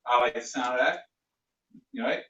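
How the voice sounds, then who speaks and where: Animated male sales trainer, echoey room. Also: medium pitch, fairly quick. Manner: animated, plays out customer dialogues. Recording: echoey room, distant mic, dull sound.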